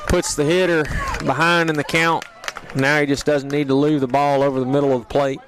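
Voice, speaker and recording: A man's voice: on the high side, a little fast. A man giving casual, rambling play-by-play commentary on a school baseball game, openly rooting for his team. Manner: relaxed, rambling, partisan for the home team. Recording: crowd noise at an outdoor ballpark.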